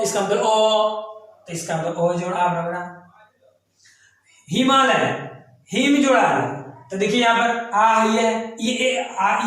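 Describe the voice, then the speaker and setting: A male grammar teacher leads an exam coaching lesson, repeating key terms and chanting them in lists. His voice is very high-pitched with a fairly bright tone, and the room is very echoey.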